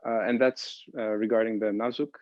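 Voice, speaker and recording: A man who grew up in the Boston area, a pastry chef casually explaining recipes to an online audience, relaxed with many fillers. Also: on the low side, normal speed, no room sound, lo-fi sound. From Boston area, United States.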